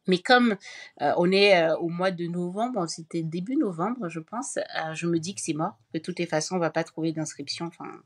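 A woman from Cameroon, a podcast guest, telling her story in a casual interview, pausing often with fillers and restarts. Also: fairly low pitch. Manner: thoughtful, many hesitations and restarts.

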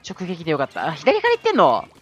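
An excitable man commentates on his own gameplay, his bright, forceful voice leaping across a wide range. He yells at the screen at close moments and drops in wry jokes at his own expense. Faint music plays underneath. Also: fairly high pitch, fast talker, muffled recording. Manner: excitable, yelling at the game during tense moments; self-mocking asides. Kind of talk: live game commentary.

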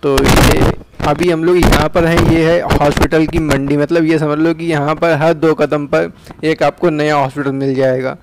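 Riding through town streets outdoors, a young Indian man with an Uttar Pradesh Hindi accent chats away as a vlogger, dropping tag questions such as "है ना". He speaks at normal speed in a fairly high, level voice against a noisy background.

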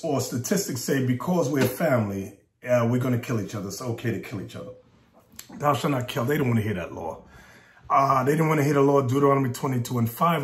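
Male preacher, mid-pitched, emphatic and animated, recorded in a reverberant room. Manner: animated, emphatic, voice jumping high when mocking others. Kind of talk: video sermon commentary.

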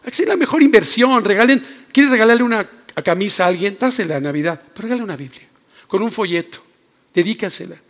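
A high-pitched man delivers an animated sermon to a church audience. He swings between tender, emotional passages and playful jokes, addressing listeners directly. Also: quick pace. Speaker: preacher. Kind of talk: lively sermon. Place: church hall.

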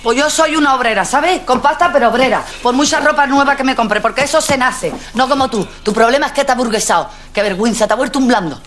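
A middle-aged actress playing a brash, bossy, quick-tempered working-class mother in a sitcom. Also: high-pitched, slight background noise. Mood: scornful. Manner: bossy, scolding, loud and blunt. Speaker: mother of the family. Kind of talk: sitcom acting.

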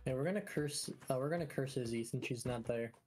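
A man's voice: mid-range voice, fast, darkish tone. A man playing a co-op game with friends, hurriedly telling teammates what to do. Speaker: co-op game player. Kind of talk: casual gaming chat.

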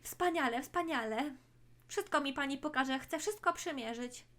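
Pushy, wheedling twin sisters out to rob a shop, greedy and scheming, voiced in a high register, as a woman puts them on for a toy play story. They hurry the shopkeeper along and demand to see everything. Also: normal speed, fairly bright tone.

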